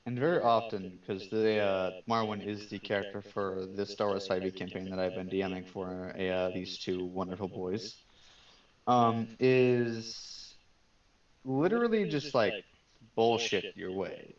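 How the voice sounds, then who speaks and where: A young man chatting casually on a podcast, halting with many fillers. The recording is dull and picked up from a distance. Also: lowish voice. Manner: hesitant, halting, filler-heavy. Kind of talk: casual chat.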